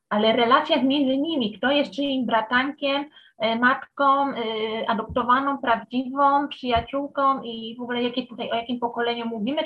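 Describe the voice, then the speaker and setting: Thoughtful woman, higher voice, muffled sound. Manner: thoughtful, long-winded reasoning. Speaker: book club member. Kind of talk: book club discussion.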